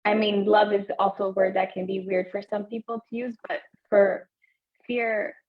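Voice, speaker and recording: A woman's voice: medium pitch, flat delivery, normal speed, dull audio. A woman co-hosting a podcast, talking in a thoughtful, meandering way with many fillers and restarts. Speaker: podcast co-host. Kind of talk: reflective casual chat.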